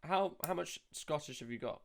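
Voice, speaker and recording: A man's voice: a little high, animated, normal speed, vocal fry. A young man co-hosting a casual podcast, hungover and teasing his co-host with dry jokes. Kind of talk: casual chat.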